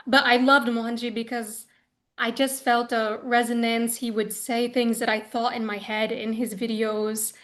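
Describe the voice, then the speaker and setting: A woman's voice: on the high side, little pitch movement, normal speed, a bit bright. A woman in her thirties giving a personal spiritual testimony as an interview guest, telling her story in an earnest, chatty way with plenty of fillers and restarts. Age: 30s.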